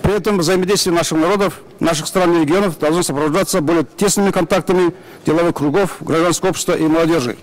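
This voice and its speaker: A male delegate from Kazakhstan delivers a prepared statement at an assembly in a brisk, official reading voice. His voice sits somewhat high for a man, and he races through the text at a fast clip, pausing only to clear his throat. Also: low-quality recording. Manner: reads quickly and officially, clears throat at times. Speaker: parliamentary delegate. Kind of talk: formal prepared speech. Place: assembly hall.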